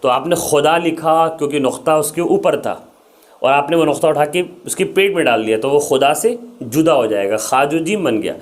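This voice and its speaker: Young male teacher, slightly high voice, slow and repetitive, drilling letter sounds for beginners. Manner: explains slowly, repeats letter sounds. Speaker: Arabic teacher. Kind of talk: patient alphabet lesson.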